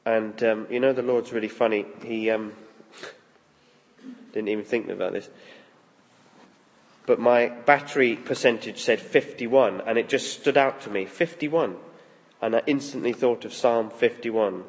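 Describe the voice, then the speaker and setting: Soft-spoken pastor praying in a reverberant hall. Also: male voice, medium pitch. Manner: slow, soft prayer with long pauses; reads scripture aloud with rising emphasis. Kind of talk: prayerful sermon. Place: church service.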